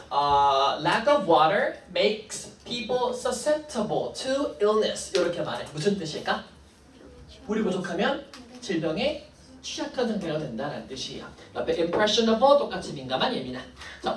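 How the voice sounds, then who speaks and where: Lively woman teacher in an echoey classroom. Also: medium pitch, recorded from a distance. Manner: brisk, playful asides to students. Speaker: English teacher. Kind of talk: classroom vocabulary lesson.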